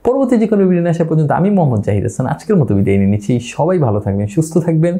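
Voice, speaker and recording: A man's voice: on the high side, big pitch swings, very fast, mellow. A man in his thirties with a Bangladeshi Bengali accent, giving chatty tips to camera in a casual tutorial from home. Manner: chatty, explains with repeated asides. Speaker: YouTube creator. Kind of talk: casual talking-head tutorial. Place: home at night.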